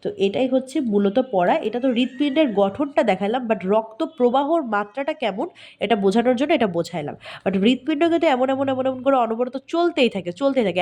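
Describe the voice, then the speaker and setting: A woman's voice: fairly high pitch, mellow. A woman giving a recorded zoology lecture, explaining step by step, asking questions and answering them herself, checking in often and correcting herself. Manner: frequent "thik ache?" checks, self-corrections. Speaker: teacher.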